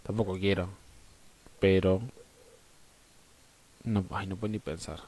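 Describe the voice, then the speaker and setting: A man with an Argentine Spanish accent, hungover and groggy, chatting casually and swearing on a gaming stream, halting and repeating his words. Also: sits low, little pitch movement, a little mellow. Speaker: live streamer.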